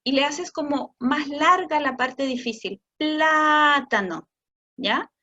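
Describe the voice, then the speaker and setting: A Chilean woman speech therapist giving a talk to parents, explaining patiently and stretching words out slowly to demonstrate them. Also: high voice, pushed and bright, highs cut off. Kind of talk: online talk for parents answering questions.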